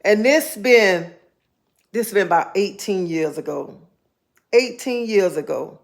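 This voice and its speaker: A woman's voice: medium pitch, expressive, slow pace. A woman, talking in a casual live-stream monologue, earnest and heartfelt, repeating herself for emphasis. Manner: earnest, heartfelt storytelling with repetition.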